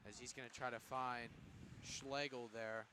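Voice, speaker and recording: A man's voice: mid-range voice, flat delivery, unhurried, background noise. A young man calling hockey play-by-play for a student broadcast, upbeat and jokey. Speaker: play-by-play announcer. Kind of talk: student sports commentary.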